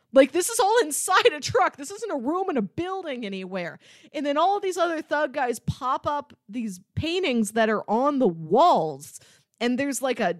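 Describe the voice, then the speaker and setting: A woman co-hosting a podcast chats informally about a film, acting out bits of dialogue as she retells scenes. Her voice sits high, and the sound is clean studio quality with no echo.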